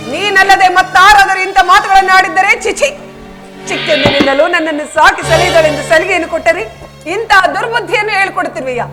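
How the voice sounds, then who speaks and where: A proud royal mother, as a woman plays her declaims her lines in a village stage drama. The voice is very high and carries far, each phrase drawn out with feeling. Stage music plays behind her. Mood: indignant. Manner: declamatory, emotional stage delivery. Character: proud, wavering young queen, mother. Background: stage music accompaniment.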